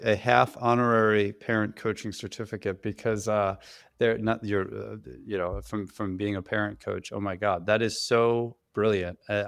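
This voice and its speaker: A talkative man hosts a parenting podcast with a gravelly, somewhat low voice. He talks in an energetic, enthusiastic way and is quick to praise. The sound is dry and close to the mic. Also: no room sound. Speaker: podcast host and therapist. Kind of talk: casual podcast conversation.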